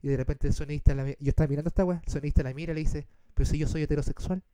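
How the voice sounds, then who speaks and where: A man with a Chilean accent, co-hosting a casual chat and telling a story in an animated, slangy way. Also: racing, smooth, no room sound, clean studio sound. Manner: animated, slangy, acts out quotes in a high voice. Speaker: podcast co-host.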